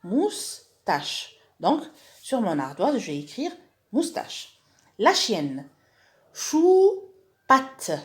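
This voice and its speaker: A woman with an Algerian accent teaching French to young pupils in an online lesson. She reads words aloud slowly for the children to copy, and explains quickly in between. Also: mid-range voice, big pitch swings. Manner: switches between French and Arabic dialect, spells out words slowly; speaks slowly and clearly when reading aloud, quick when explaining.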